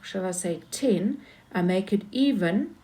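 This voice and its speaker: Slow, patient woman teaching maths. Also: mid-range voice, lively intonation, mellow. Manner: patient, talks through each step, repeats herself. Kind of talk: explaining maths step by step.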